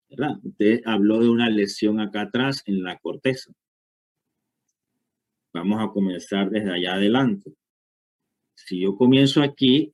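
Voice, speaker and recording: The lecturer is a man with a lowish, darkish voice teaching at university level. He breaks explanations into steps and often asks brief questions to test understanding.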